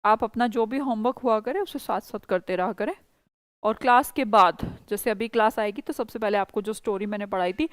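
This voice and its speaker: High, clear-voiced woman teaching English. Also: dry recording. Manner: explains patiently, repeats questions, models English sentences slowly. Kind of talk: online class teaching, mixing Hindi and English.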